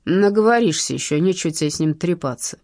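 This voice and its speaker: A woman's voice: medium pitch, very animated, normal speed, darkish tone, no echo, clean studio sound, lightly acted. A woman voicing a boorish, self-assured male gang boss who talks with mocking contempt, in an audiobook. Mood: sneering.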